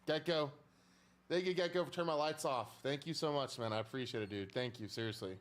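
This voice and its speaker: A man's voice: mid-range voice, fairly quick. A male live streamer chatting casually to his viewers, swearing freely and repeating his phrases.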